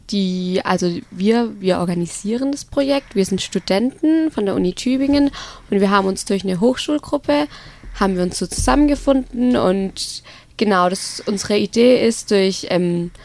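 A twenty-year-old woman with a gravelly edge to her voice. She explains a student project earnestly in a studio interview and often pauses with fillers. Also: medium pitch, darkish tone. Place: radio studio.

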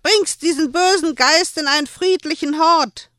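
A woman voicing a frightened female travelling trader who screams accusations in a shrill voice. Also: measured pace, fairly bright tone, no room sound, studio quality. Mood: hysterical. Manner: shrill, screeching.

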